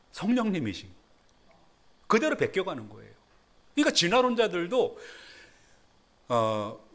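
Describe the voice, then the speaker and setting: A middle-aged man preaching a Sunday sermon as a pastor in a church. He talks conversationally, laughs at himself now and then, and rises into sudden emphasis. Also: fairly high pitch. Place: church sanctuary.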